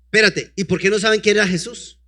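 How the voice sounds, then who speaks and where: A male preacher with a high, bright, ringing voice delivers a sermon. He reads scripture aloud and keeps breaking off to fire rhetorical questions at his listeners, then calls for the next slide. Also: steady tone, fast. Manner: peppers reading with rhetorical questions to the congregation; calls out to a helper to advance the slides.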